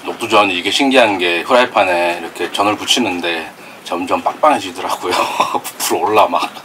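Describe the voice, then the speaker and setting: A man's voice: low-pitched, brisk, slight background noise. A man eating on camera and talking while chewing in a casual, chatty way to his viewers. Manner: relaxed, chatty, talks to viewers between bites. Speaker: mukbang vlogger. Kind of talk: casual solo eating vlog. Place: rooftop room, rainy day.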